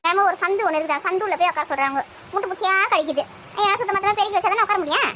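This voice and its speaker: High-pitched gossipy woman. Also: racing, background noise. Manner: loud, grumbling, gossipy. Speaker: comedy sketch performer. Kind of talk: comic village sketch acting.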